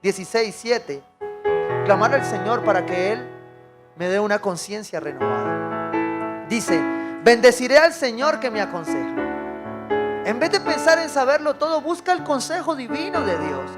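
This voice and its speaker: Loud music plays behind a Colombian-accented pastor whose voice is very high and moderately paced. Preaching in church, he tells stories vividly, voices the dialogue, and puts questions to his congregation.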